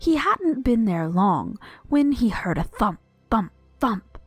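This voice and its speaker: A woman narrating a fairy tale aloud with lively expression, dropping to a whisper at tense moments. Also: a little high, slow pace, husky, dry recording, faint music behind. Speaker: storyteller. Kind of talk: storybook read-aloud narration.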